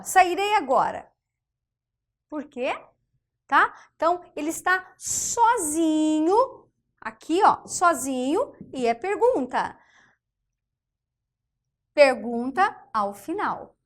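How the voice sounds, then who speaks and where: A Brazilian woman teaching a grammar lesson in a deliberate way, often checking in with her students. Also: high-pitched, very animated.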